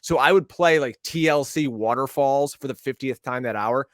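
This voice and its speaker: Man telling animated stories, dry sound. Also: medium pitch, moderate pace, dry recording. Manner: animated storyteller, emphatic. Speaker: podcast co-host. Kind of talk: casual chat.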